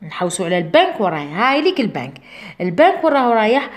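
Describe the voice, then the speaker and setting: A woman with an Algerian accent teaching an English exam revision lesson. She explains in dialect and reads the English sentences slowly. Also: medium pitch, sing-song.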